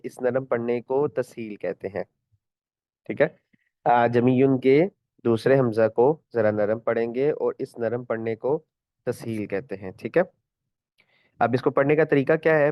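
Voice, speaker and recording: A man's voice: medium pitch, dry recording, lo-fi sound. Patient man teaching Quran recitation. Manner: patient, repeats each point, stretches out recited words as examples; clears throat often. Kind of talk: online tajweed class.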